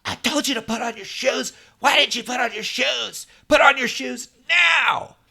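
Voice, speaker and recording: A man putting on a harried mother, her voice pitched well above his own and ringing hard and forceful as she scolds. She speaks with sharp, insistent emphasis, then turns to slow, careful instructions. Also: creaky, exaggerated voice. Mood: angry shouting. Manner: scolding, then patient and coaxing. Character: frustrated mother of a young boy, running late.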